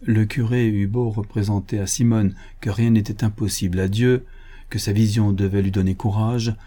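A man narrating a classic story in a measured, expressive way. His voice is dark and mellow with a husky edge. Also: lowish voice. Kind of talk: storybook reading.

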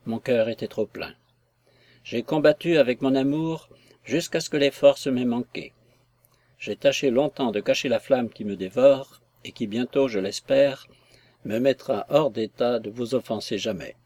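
A man's voice: medium pitch, a little slow, dark tone, no room sound, lightly acted. A man voicing a young lover, anxious and ardent, who pleads fervently.

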